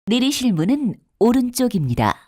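Subway announcement voice: woman, polite and crisply enunciated, lively melodic lift. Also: on the high side, very noisy. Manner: polite, measured, clearly enunciated. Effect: prerecorded subway station announcement. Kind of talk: scripted station announcement.

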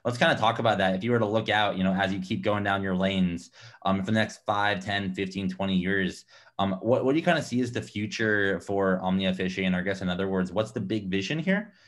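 A man's voice: deep voice, a little fast, a bit bright. A young man hosting a video call interview from a room at home, asking questions casually with fillers. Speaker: podcast host. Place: home room with ceiling fan.

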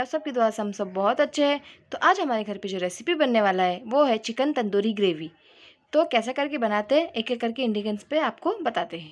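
A woman's voice: fairly high pitch, rough recording. Chatty woman hosting a home cooking video. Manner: chatty, lists ingredients step by step. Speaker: cooking channel host. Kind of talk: casual cooking video narration. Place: home kitchen.

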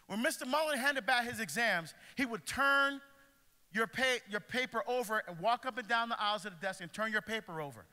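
A middle-aged man from Barbados, a deacon, preaching with animated, emphatic energy to a school audience. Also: extremely high pitch, fairly quick. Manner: animated, emphatic, moves around the stage. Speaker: deacon speaker. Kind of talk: passionate preaching talk. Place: large school pavilion, indoors. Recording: long hall reverb.

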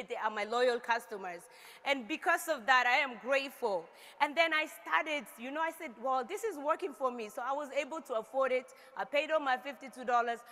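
High, bright woman speaking from a stage. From South Sudan. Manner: emotional, grateful, builds to shouts. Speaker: stage speaker at a company event. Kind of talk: reading a prepared success speech on stage. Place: large stage with reverberant hall. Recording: long hall reverb from stage.

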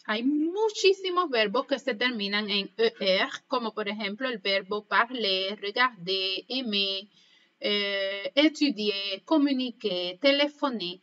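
A woman teaching a French lesson speaks slowly and deliberately, pronouncing each word carefully for learners to copy. Her voice sits a little high and sounds bright. The recording is somewhat dull and lo-fi. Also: animated. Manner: slow, careful model pronunciation with drills. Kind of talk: online language lesson.

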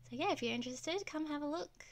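Her voice sits high and moves at a quick pace as a woman, a little croaky from feeling unwell, gushes over her plush toy collection. The clip is casual show-and-tell narration with soft giggles, recorded off-camera on a handheld phone in her bedroom among her displayed toys.

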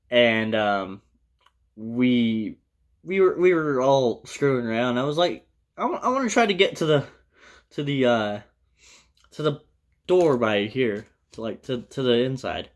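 A young adult American man with a medium-pitched voice vlogs to camera from a small indoor room with a bare wall. He tells a personal story off the cuff, casually and haltingly, rambling as he goes and swearing along the way.

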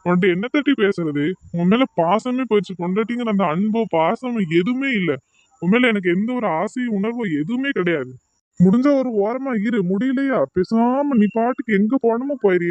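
A man's voice: sits high, a little mellow, no room sound, lo-fi sound, lightly acted. A man voicing an angry young husband in a cartoon drama, who scolds and threatens. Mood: bitter.

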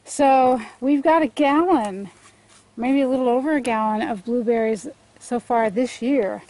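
Chatty woman with a congested throat. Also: high voice. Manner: chatty, thinks aloud with many fillers and restarts. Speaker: homestead gardening vlogger. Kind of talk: casual garden walkthrough. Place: outdoors in a sunny garden. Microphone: handheld camera at arm's length.

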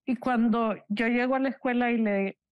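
A woman giving an emotional, halting personal testimony in an interview, earnest and religious. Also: on the high side, fairly even intonation, smooth, dry recording, dull audio. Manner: emotional, slow, halting storytelling. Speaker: interview guest, bereaved mother.

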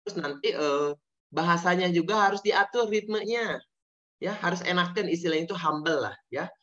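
A man's voice: sits high, normal speed, a bit bright. A male teacher leads an online science lesson. He drills the key terms again and again and keeps asking his students questions. The audio is dull and lo-fi, like a video call. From Indonesia.

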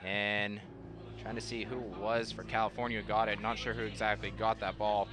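A man's voice: lowish voice, little pitch movement, normal speed. A young American man giving live football analysis as a color commentator.

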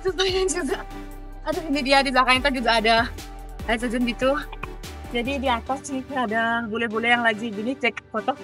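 A woman's voice: fairly high pitch, fairly quick, a bit bright, soft background music. Chatty upbeat young-sounding woman vlogger. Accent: Indonesian. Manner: chatty, upbeat, with many fillers. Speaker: travel vlogger. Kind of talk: casual travel vlog. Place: outdoors at a waterfall.

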